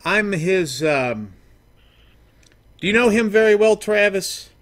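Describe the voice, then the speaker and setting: A man acting as a down-on-his-luck absent father on a prank call. His voice sits a little high for a man. He rambles and halts, stumbling over ums and uhs as he goes. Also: lively intonation, slow pace. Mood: hesitant, awkward. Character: estranged, down-on-his-luck father, washed-up rock musician. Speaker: prank caller.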